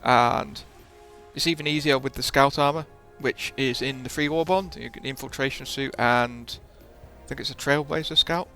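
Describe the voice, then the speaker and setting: A man's voice: mid-range voice, fairly even intonation, normal speed, sharp tone, faint music behind. A man hosting a gaming video with casual commentary, often hesitating and correcting himself as he explains.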